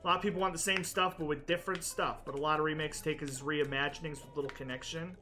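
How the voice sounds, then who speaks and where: A man's voice: a little high, steady tone, quick pace, pushed and bright. Rambling young man doing gameplay commentary. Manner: rambling, jokey, full of likes and restarts. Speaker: gaming commentator. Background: game music.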